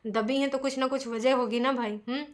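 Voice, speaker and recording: Chatty woman vlogger, slightly high voice. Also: steady tone, fairly quick. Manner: chatty, rhetorical, asks "hmm?" often. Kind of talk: opinionated commentary vlog.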